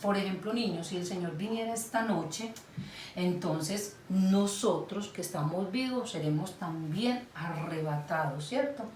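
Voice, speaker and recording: Slow-speaking woman teaching children. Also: lowish voice, darkish tone. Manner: slow, patient, asks children for agreement. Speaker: children's Sunday school teacher. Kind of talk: Bible lesson for small children. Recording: echoey room, far from mic, faint noise.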